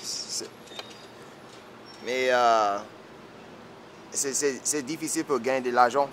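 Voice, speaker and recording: Young guy w/ cajun french accent, talks slow n halting, noisy outdoor recording. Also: mid-range voice, fairly even intonation. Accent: Louisiana French, Creole and Cajun. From Texas, United States. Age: 20s. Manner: halting, searching for words. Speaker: musician being interviewed, fiddler. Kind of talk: casual interview answers. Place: outdoors in a yard by a house and street. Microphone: camera mic a short distance away.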